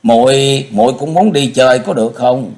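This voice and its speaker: A man's voice: mid-range voice, moderate pace, a little mellow, voice pushed up, lightly acted. Fields: a man doing a crying little girl. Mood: pleading. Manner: crying, pleading. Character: little girl, frightened and tearful.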